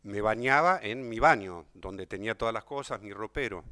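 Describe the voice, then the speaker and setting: A speaker at a talk, a man with an Argentine Spanish accent, tells an audience a personal story in an emotional, conversational way, often repeating words and addressing listeners directly. His voice is lowish, pushed and bright, at a moderate pace.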